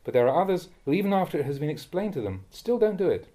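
A man, a monk, reading a Dhamma talk aloud in a measured, admonishing way that rises sharply when he scolds. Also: a little high, sing-song, mellow. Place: monastery.

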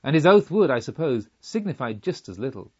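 A man voicing a fierce, chained robber chief who speaks gruffly and growls, rising to a booming call. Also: sing-song, a little fast, highs cut off. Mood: scornful. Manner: grows loud and booming in his invocation.

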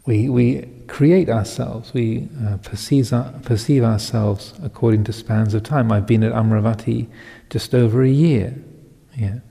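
A Buddhist monk in his fifties giving a Dhamma talk, reflective and halting, with many pauses and soft chuckles. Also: medium pitch, vocal fry. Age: 50s. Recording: long hall reverb.

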